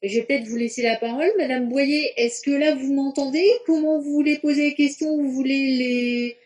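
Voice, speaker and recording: A woman's voice: high voice, steady tone, normal speed, a little mellow. A woman teacher giving casual, hesitant feedback to students over a video call, with many restarts. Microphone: video call on computer.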